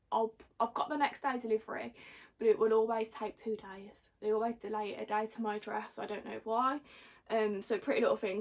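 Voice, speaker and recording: A young woman chats to camera in a fairly high voice. She sounds tipsy and giggly, rambling along in casual slang and poking fun at herself. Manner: rambling, slangy, self-mocking. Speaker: vlogger.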